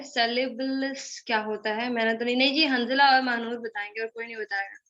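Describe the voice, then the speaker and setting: A young woman with a high, bright voice runs a live online spoken-English class and teases and scolds her students in a brisk way. She slips English phrases into her speech. The sound is dull and lo-fi, as if from a computer mic on a video call. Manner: teasing, brisk and scolding, mixing English phrases into Hindi-Urdu.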